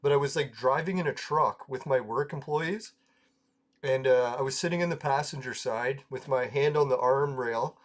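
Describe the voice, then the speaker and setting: A man's voice: mid-range voice, normal speed. A man chatting casually over gameplay, rambling through anecdotes, laughing often and swearing freely. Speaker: gaming video creator.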